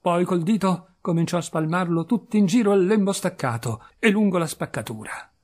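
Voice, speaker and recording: A man giving an expressive, dramatic reading of a literary short story. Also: high voice, moderate pace. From Italy. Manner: dramatic, animated narration. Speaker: narrator.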